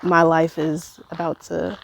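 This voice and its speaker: Pensive girl in her 20s thinking out loud on a walk vlog, lowish voice, kinda fry, some noise behind her. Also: little pitch movement. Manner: pensive, unhurried musing with trailing thoughts. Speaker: vlogger. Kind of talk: casual reflective solo monologue. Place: walking while recording, as a walk-along vlog.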